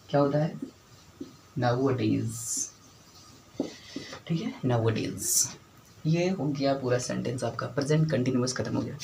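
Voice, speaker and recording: A man's voice: mid-range voice, creaky, a little mellow, slight background noise, poor audio. A man teaching an English grammar lesson, who keeps repeating key words and asking the class short questions to check understanding. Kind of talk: spoken English lesson at a whiteboard.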